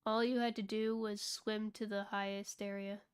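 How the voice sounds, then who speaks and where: A woman's voice: mid-range voice, level tone, normal speed, smooth. A woman streamer chatting casually while playing a game, thinking aloud and answering chat. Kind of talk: casual gameplay commentary. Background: game music.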